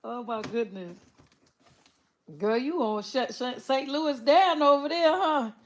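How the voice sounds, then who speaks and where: A middle-aged woman hosts a livestream, chatting casually with her viewers and often teasing and laughing. Her voice is high-pitched and she speaks slowly.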